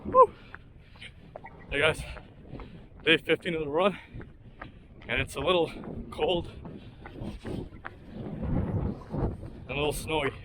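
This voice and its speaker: A man's voice: fairly high pitch, measured pace, pauses often, noisy background. Breathless man vlogging on a run. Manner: upbeat and chatty. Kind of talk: outdoor running vlog. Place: outdoors on a cold street. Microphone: handheld action camera.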